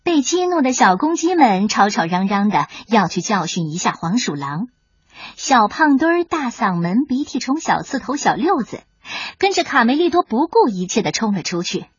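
A woman storyteller reading a children's story aloud in an expressive, animated way. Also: on the high side, moderate pace, husky, no echo. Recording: dull lo-fi with faint music.

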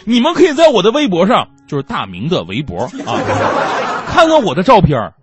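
Animated male comedian with a lively voice. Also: sits high, a little fast, faint music behind. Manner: animated storytelling with acted-out quotes; playful, self-mocking. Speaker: stand-up comedy host. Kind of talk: stand-up comedy monologue.

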